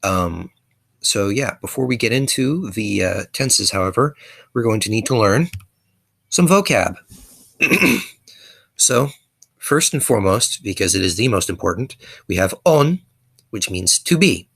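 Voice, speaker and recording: A man's voice: fairly low pitch, animated, measured pace, creaky, long pauses, a bit bright, husky. A man casually explaining his constructed language's verbs in a video lesson, hesitant, with frequent ums and self-corrections. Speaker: conlang teacher.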